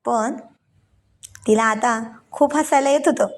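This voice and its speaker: A woman narrating a romantic story aloud in a calm, even reading voice. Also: on the high side, measured pace.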